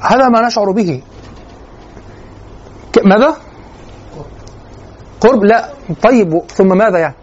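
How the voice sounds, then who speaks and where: A man giving a classroom lecture on classical poetry, often stopping to ask the class whether it is clear. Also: sits high, expressive, a little slow, long pauses, darkish tone. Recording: dull lo-fi classroom recording.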